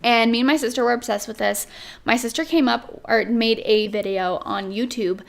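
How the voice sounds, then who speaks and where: A woman's voice: on the high side, normal speed, vocal fry. A young adult woman vlogging, chatting casually and reading her own old stories aloud.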